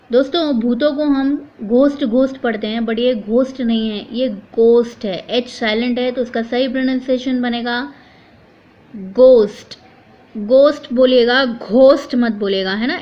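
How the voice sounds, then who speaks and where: Lady english teacher, fairly high voice, spells words out and repeats them, muffled lo-fi sound. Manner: spells words letter by letter and repeats correct pronunciations. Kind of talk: vocabulary lesson. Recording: dull lo-fi recording.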